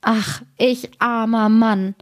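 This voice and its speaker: A woman's voice: medium pitch, measured pace, no room sound, lightly acted. A stubborn, grumbling carter from an old fairy tale, a man of the road with a sour, complaining way of talking, played by a woman reading the story. The recording is dry and close. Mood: lamenting. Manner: grumbling, then wailing.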